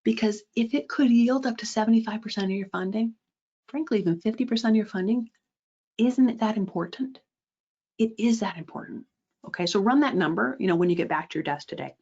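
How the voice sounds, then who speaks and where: A woman's voice: mid-range voice, fairly quick, darkish tone, slightly rough, lo-fi sound. A woman presenting a fundraising webinar, direct and emphatic, often checking in with a rhetorical "right?" and adding sarcastic asides.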